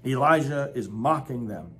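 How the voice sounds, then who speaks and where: A man preaching a sermon, reading scripture aloud with loud, impassioned emphasis and breaking off to comment. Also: medium pitch, animated, normal speed.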